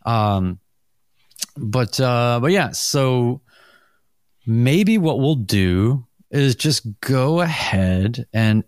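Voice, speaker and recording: A man's voice: mid-range voice, no echo, studio quality. A middle-aged man hosting a casual podcast chat, rambling and self-deprecating, laughing often, on a mic over a video call. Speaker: podcast host.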